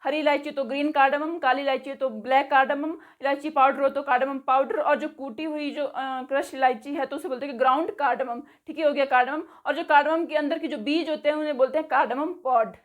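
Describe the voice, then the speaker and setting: A woman teaching spoken English goes through vocabulary casually, slowly repeating and spelling each word letter by letter, with a quick "okay" after most of them. Her voice is high and light, her tone steady, and the audio narrow and tinny.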